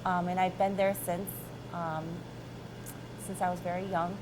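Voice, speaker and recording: A woman in her thirties, born in South Korea and raised in Michigan, USA, answers interview questions conversationally as a company chief, using an American accent and informally checking in with "right?". Her lowish voice has little pitch movement and a slightly slow pace, with background noise present.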